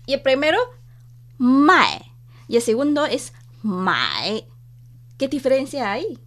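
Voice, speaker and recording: A woman's voice: high-pitched, fast. A woman hosting an interview, friendly and teacherly in her questions. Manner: friendly, teacherly, exaggerates tones when demonstrating. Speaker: interviewer, host. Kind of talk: radio-style interview.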